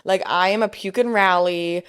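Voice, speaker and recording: A woman's voice: on the low side, moderate pace, a bit bright, clear, resonant tone. A woman co-hosting a podcast, telling a weekend story in casual chat, rambling with lots of "like" and frequent swearing. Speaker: podcast co-host.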